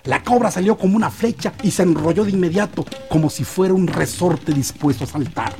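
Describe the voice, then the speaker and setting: A man telling a story aloud on a radio program, with expressive, dramatic shifts in pitch and volume. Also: brisk, soft background music. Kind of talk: oral storytelling.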